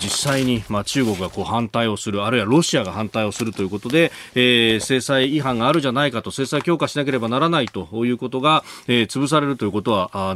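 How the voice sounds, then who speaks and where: A man hosting a radio news show, explaining the day's stories in a measured way with frequent filler pauses. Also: fairly low pitch, a bit bright, slight background noise. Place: radio studio.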